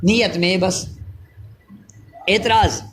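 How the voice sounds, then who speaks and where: Man, Pakistani Urdu accent, very high voice, grammar lecture, repeats each phrase, faint background noise. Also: fairly even intonation, fairly bright tone. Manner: repeats each phrase, checks students follow. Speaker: teacher of Arabic grammar. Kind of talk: classroom lecture.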